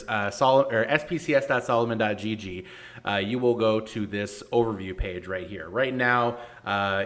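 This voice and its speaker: An echoey room surrounds this man's slightly low voice. He hosts a livestream in a casual, informal way, addressing viewers directly and feeling his way through explanations with some hesitation. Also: fairly bright tone. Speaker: host of a gaming league livestream. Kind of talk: casual livestream hosting and walkthrough. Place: newly moved-into home or office room, indoors. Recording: echoey, roomy untreated office.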